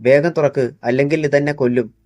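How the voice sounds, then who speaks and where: A man voicing a frightened young woman trapped in a house, speaking in a hushed, urgent way. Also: medium pitch, steady tone, brisk, no room sound, close to an everyday voice.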